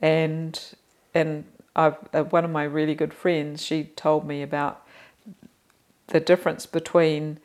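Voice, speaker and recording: A woman, a therapist co-hosting a podcast, speaking in a calm, measured and gently instructive way. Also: low voice. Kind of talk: casual podcast chat.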